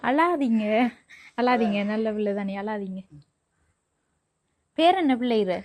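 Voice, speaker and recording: A woman vlogger with a Sri Lankan Tamil accent, gently soothing and reassuring a family as she talks with them at their home. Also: on the high side, animated, unhurried. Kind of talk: casual conversational interview.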